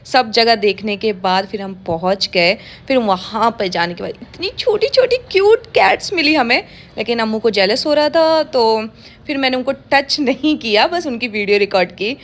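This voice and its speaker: A woman talks through a pet vlog in easy, chatty narration. Her voice sits a little high, and she sounds fond and gushing as she laughs along. The delivery stays relaxed and unscripted. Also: normal speed. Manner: gushing and affectionate, with frequent laughter. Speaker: pet vlogger.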